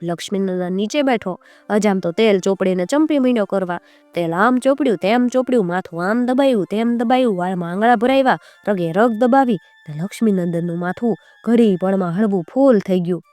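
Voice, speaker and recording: A woman storyteller narrating a folk tale in a lively, rhythmic way. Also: mid-range voice, a little fast, no room sound, soft background music.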